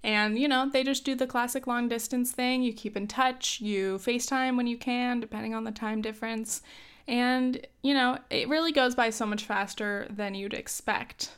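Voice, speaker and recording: A woman in her twenties hosts a casual advice chat, rambling comfortably at normal speed with lots of "like" and "um" and frequent light laughter. Her fairly high voice is smooth and clear, though slightly hoarse from coughing.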